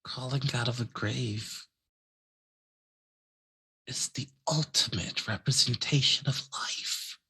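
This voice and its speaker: Man voicing hushed, breathy, possessive vampire mother goddess. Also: mid-range voice, steady tone, heavily acted, poor audio. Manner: slow, hushed, solemn, breathy delivery. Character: Lilith, seductive maternal vampire goddess, coldly possessive.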